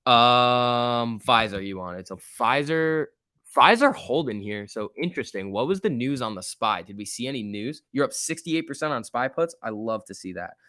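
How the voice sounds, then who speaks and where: Bright-voiced man streaming live stock trades. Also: medium pitch, expressive, normal speed, no echo. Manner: informal slangy muttering to himself, repeats words. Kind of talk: casual live market commentary, reading out chat.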